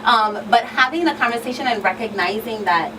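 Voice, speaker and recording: On an earnest talk show panel, a guest expert in her thirties illustrates her points with everyday examples. She has a fairly high-pitched voice and a brisk delivery, recorded from a distant mic amid noticeable room noise.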